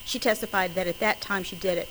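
A woman lawyer with a West Texas twang argues a case to a judge, emphatically and deliberately stressing key words. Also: mid-range voice, steady tone, a bit bright, a little hiss or hum, poor audio. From West Texas, United States. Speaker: lawyer arguing before a judge. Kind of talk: courtroom legal argument. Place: courtroom.

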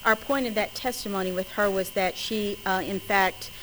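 Woman, West Texas twang, lawyer's courtroom argument, emphatic deliberate phrasing, faint background noise. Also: medium pitch, steady tone, fairly bright tone, rough recording. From West Texas, United States. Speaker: lawyer arguing before a judge.

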